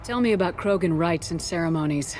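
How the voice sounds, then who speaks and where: A woman's voice: fairly low pitch, a little fast, a little mellow, slight background noise, close to an everyday voice. Woman as direct, businesslike Commander Shepard. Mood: curious, dry. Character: tough, businesslike female space-soldier commander. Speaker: military commander. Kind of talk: video game acting.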